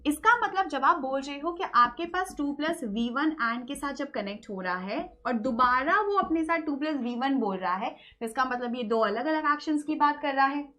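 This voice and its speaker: A woman's forceful, bright, animated voice sits high in this online English grammar lecture. She mixes Hindi with English, raises questions only to answer them herself, and reads example sentences at a slower pace.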